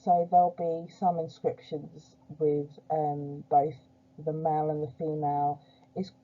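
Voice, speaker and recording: A woman presenting an archaeology talk in an academic style, pausing often with filler sounds as she goes. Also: sits low, little pitch movement. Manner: hesitant, many filler pauses. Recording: dull lo-fi recording.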